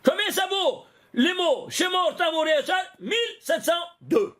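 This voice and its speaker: A man teaching a Torah lesson as a rabbi, lively and questioning, talking straight to his listeners. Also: extremely high pitch, a little slow. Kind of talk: animated Torah lesson with gematria.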